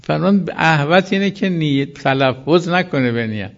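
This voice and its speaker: A man teaching a seminary lesson on religious law, explaining slowly, repeating key terms and checking that his listeners follow. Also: on the high side, animated. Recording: dull lo-fi recording.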